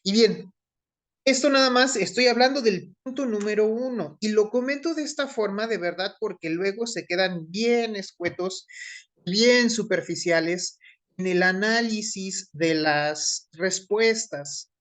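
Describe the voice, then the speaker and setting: A man's voice: high-pitched, animated, unhurried, fairly bright tone. A man in his forties with a Mexican Spanish accent, a teacher giving an online class in a discursive way, with many fillers and tag questions.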